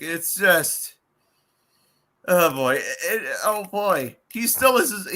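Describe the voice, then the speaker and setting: Stammering man with a bright voice. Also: a little high. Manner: stammering, repeats words, rambling. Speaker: fan voice actor, co-host. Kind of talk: casual chat.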